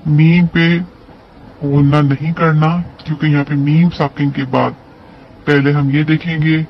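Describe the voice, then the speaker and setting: A man's voice: fairly high pitch, highs cut off, a little hiss or hum. A man with an Urdu accent teaching Quran recitation rules patiently, drawing out each recited example. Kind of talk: tajweed lesson with slow recited examples.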